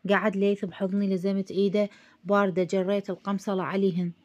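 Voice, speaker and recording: Even-toned Iraqi woman storyteller. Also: mid-range voice, fast. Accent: Iraqi Arabic. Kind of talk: first-person story narration.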